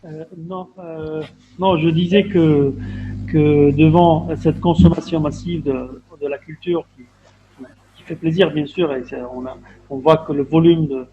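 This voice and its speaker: A man with a slightly raised voice leads an online panel over a video call. He talks in a halting way, with fillers and repeated words. The call audio is dull and lo-fi, with a faint hiss underneath. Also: on the high side, steady tone. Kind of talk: hesitant conversational discussion.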